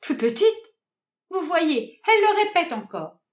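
A woman performs a small, fiery young woman spurned by her lover in a classic stage comedy. Her voice is high and leaps widely in pitch. She is theatrical, wounded and indignant, throwing out exclamations and questions. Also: lively intonation, moderate pace. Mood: outraged.

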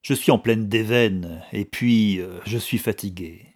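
A man's voice: on the low side, unhurried, darkish tone. A man voicing a tired male gambler on a losing streak, resigned. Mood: weary. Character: weary unlucky male gambler.

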